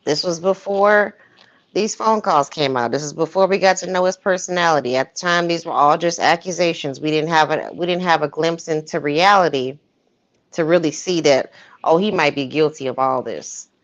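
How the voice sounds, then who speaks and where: A woman co-hosting a livestream gives emphatic, opinion-heavy gossip commentary in a relaxed chat on the call, at a moderate pace and in a low voice. The sound is muffled, lo-fi livestream audio.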